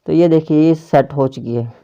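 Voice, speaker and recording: A fairly high, mellow, clean-toned male voice at a moderate pace presents an easygoing app tutorial step by step, regularly rewording and repeating his instructions. His clip-on or plugged-in microphone gives a muffled, dull lo-fi sound.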